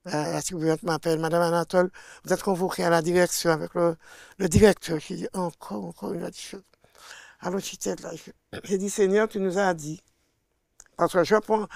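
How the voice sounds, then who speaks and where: An older Martinican woman, speaking French with that accent, gives her faith testimony in an interview, voicing the people she quotes and shifting from loud to hushed. Her lowish voice carries vocal fry, captured in a dry, studio-quality recording.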